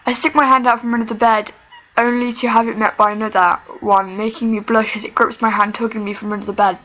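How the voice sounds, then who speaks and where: Woman reader, higher pitch, halting fan fiction reading with frequent restarts. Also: flat delivery, fairly bright tone, rough recording. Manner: halting, self-correcting reading.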